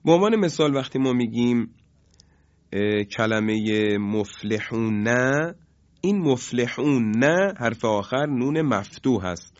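A man teaching Quran recitation rules, explaining slowly and chanting each example word with drawn-out vowels. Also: mid-range voice, animated, darkish tone. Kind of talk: lesson on tajwid rules. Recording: dull lo-fi recording.

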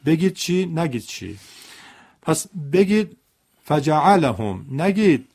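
A man's voice: mid-range voice, animated, vocal fry, darkish tone. A man teaching Quran recitation, correcting and demonstrating pronunciation by repeating examples. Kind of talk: recitation lesson dialogue.

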